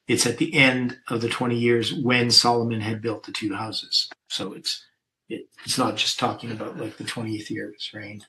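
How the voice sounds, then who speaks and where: A man's voice: mid-range voice, pushed and bright, poor audio. Man, Bible study leader, thinks aloud, reads verses, medium voice.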